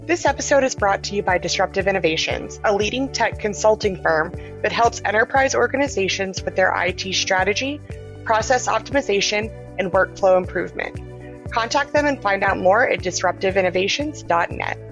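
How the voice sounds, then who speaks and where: A woman reading a sponsor message in a crisp, even announcer style. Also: mid-range voice, normal speed, faint music behind. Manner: crisp, even ad-read delivery. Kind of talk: read advertisement. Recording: slightly dull, muffled audio.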